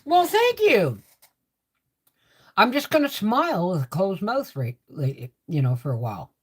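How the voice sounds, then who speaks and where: A woman's voice: on the low side, very animated, moderate pace, slightly rough. An older woman chatting casually to viewers in a rambling way, repeating herself, her speech affected by a swollen, sore mouth after having teeth pulled. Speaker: livestream host.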